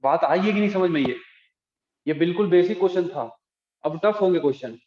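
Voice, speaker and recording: A man's voice: sits high, brisk, darkish tone, slight background noise. A man teaching calculus to a class, explaining step by step and often asking if students follow. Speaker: math teacher. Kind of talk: classroom lecture. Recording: echoey room, dull lo-fi sound.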